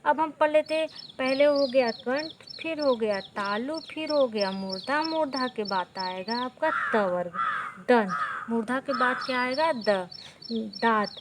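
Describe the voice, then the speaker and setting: A woman's voice: fairly high pitch, measured pace, background noise. A woman teaching an exam-prep lesson, explaining step by step and answering her own questions as she goes.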